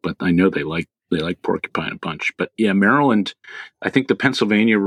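A man's voice: deep voice, lively intonation, brisk, a bit bright, no room sound. A man co-hosting a casual birding podcast, talking in a rambling way with many fillers and restarts. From Philadelphia area, US. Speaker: podcast co-host.

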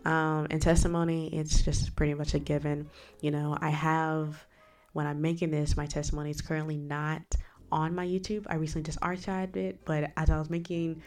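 A woman's voice: deep voice, level tone, moderate pace, darkish tone. A woman hosting a faith podcast in a casual monologue, chatty and rambling with asides to the listener, with a slight lisp from a new retainer. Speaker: podcast host.

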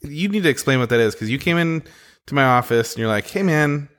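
Guy cohosting a chill podcast, animated, does little bits of dialogue. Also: mid-range voice, fast. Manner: animated, acts out quotes in his own voice. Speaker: podcast co-host. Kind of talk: casual chat.

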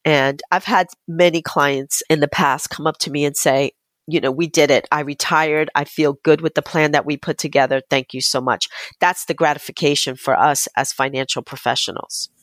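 A woman's voice: sits low, fairly even intonation, moderate pace, dry recording. A woman speaking as an interview guest, explaining advice conversationally in a plain-spoken, emphatic way. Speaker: financial advisor, interview guest.

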